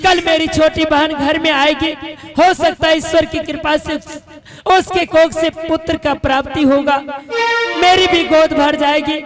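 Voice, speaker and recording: A man's voice: very high-pitched, fairly even intonation, measured pace. A man playing a devoted, sorrowful, childless queen who pleads plaintively in an Indian village stage drama over music. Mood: pleading. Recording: loud music behind stage dialogue.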